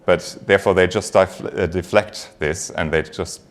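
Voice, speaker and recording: This deep-voiced man keeps a steady tone and moderate tempo while presenting at a conference in a conversational style. A finance executive and native German speaker, he has a German accent and sprinkles in light jokes for the audience.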